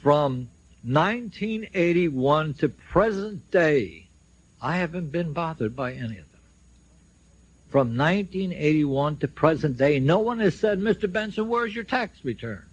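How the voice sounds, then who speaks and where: At a symposium, an older man gives a public speech about his own legal case, telling his story in emphatic, clipped declarations. His voice is a little high with lively intonation and an unhurried pace, heard through a dull lo-fi shortwave radio recording.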